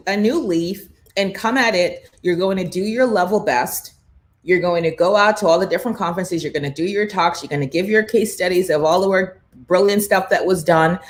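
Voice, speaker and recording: A woman hosting a morning show, giving an emphatic motivational talk with faith references. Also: lowish voice. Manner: emphatic, preachy, with faith references and quoted inner voices. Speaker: morning show host, brand coach. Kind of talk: motivational live-stream talk.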